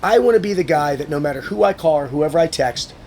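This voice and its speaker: Animated, swearing man telling stories. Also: on the high side, quick pace, slight background noise. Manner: swearing, animated storyteller who acts out quotes. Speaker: guest, motivational speaker. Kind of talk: casual storytelling conversation.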